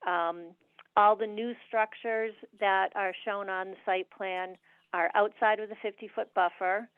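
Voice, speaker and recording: A woman comes through a speakerphone, her voice thin and phone-like with no room around it. She keeps a flat, level delivery. She walks through a formal presentation, pausing on ums and uhs. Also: mid-range voice, clear, resonant tone, dry recording. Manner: steady, with frequent ums and uhs. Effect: heard over a speakerphone. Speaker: consultant presenting a permit application. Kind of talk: formal presentation at a public meeting. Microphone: speakerphone on a remote call. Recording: tinny, dry phone line.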